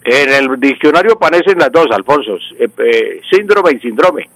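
A man's voice: medium pitch, expressive, moderate pace, gravelly, fairly bright tone, no echo, low-quality recording. A Colombian man, a language expert on a radio news show, explains usage patiently, repeating words and using many fillers. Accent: Colombian Spanish. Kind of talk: call-in language advice.

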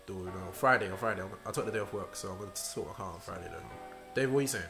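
A man's voice: deep voice, vocal fry, over music. A man co-hosting a podcast, chatting casually and telling stories full of slang. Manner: fast, chatty storyteller using slang. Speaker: podcast co-host. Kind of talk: casual chat.

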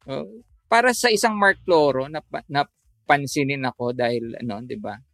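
A man, a photographer guest, telling a story in casual chat, halting with many fillers and restarts. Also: mid-range voice, fairly bright tone, dry recording.

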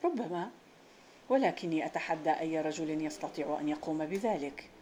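A woman's voice: deep voice, animated, brisk, dark tone, slight background noise. A woman reading the lines of a rich, bored, domineering middle-aged merchant in a folk tale. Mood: commanding. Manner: challenging, commanding.

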